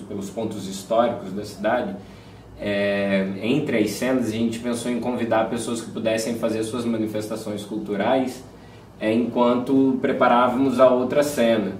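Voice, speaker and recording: Guy explaining stuff in a flat low voice, kinda far off, echoey. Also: normal speed, slight background noise. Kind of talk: interview. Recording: roomy, distant.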